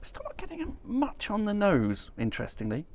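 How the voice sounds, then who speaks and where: A man's voice: high voice, wildly swooping pitch, normal speed, darkish tone, slight background noise. A man giving casual, sommelier-like wine tasting commentary in a thoughtful, descriptive way. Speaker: wine reviewer.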